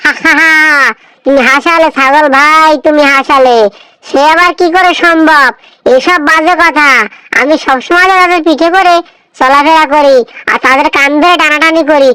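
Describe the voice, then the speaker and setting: A boastful cartoon fox who brags and schemes, voiced by a woman. His high voice is dry and close to the mic. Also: fairly even intonation, normal speed, bright, forceful tone, dry recording, low-quality recording. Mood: scheming. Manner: boastful, scheming, laughing slyly. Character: sly boastful male fox trickster.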